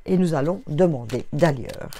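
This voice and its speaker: A woman with a Belgian French accent giving a gentle, unhurried oracle card reading straight to her viewers. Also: low-pitched, expressive, a little hiss or hum.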